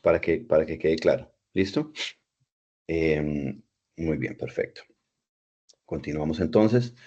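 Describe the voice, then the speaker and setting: Over dull, lo-fi video call audio, a man with an extremely low, mellow voice gives an online English lesson. He speaks slowly yet animatedly, patiently repeating words and spelling them out.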